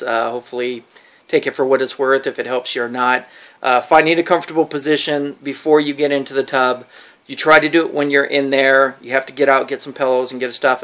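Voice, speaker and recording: Guy doing a casual vlog, explains stuff kinda haltingly, mid-pitched voice. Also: fairly bright tone. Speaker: vlogger.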